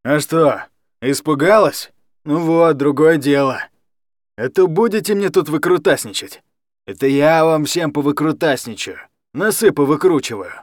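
A man's voice: on the high side, expressive, measured pace, no echo, studio quality. A man voicing a drunk, boorish middle-aged guardian who slurs and mumbles his words, in a storybook reading. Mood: drunk, leering.

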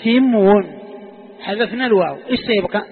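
High-voiced male teacher, tinny hall sound. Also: animated, a little fast, soft background music. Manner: questioning students, repeating key words. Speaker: teacher of Quranic exegesis. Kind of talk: classroom lesson. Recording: phone-like sound with long hall reverb.

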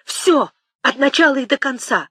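A woman's voice: a little slow, pushed and bright, no echo, studio quality. A woman reading as an angry accusing man. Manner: exclaiming sharply, pitch pushed up.

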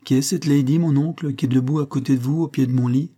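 A man reading an audiobook, voicing a young sick woman with a gentle, eager, pleading manner. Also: steady tone, quick pace, slightly rough, close to an everyday voice. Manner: pleading, raised pitch.

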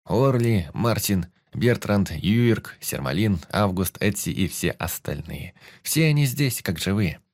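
A man's voice: low-pitched, lively intonation, measured pace, hardly any pauses, darkish tone, no room sound, clean studio sound. A man giving an intense, dramatic first-person audiobook narration.

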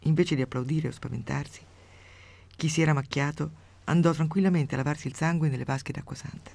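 A woman's voice: low-pitched, brisk, gravelly, no room sound. Woman, radio host, dramatic storyteller, dry close studio sound. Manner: expressive storyteller, swings from hushed to loud. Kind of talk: dramatic reading of a literary passage and radio chat.

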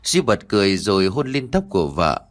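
A man reading a scripted audio story aloud with an expressive, emotional delivery. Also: fairly low pitch, a little fast.

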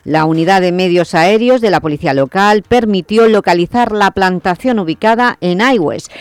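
A man reading a local radio news bulletin in a steady, measured way. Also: high voice, clean tone, no room sound.

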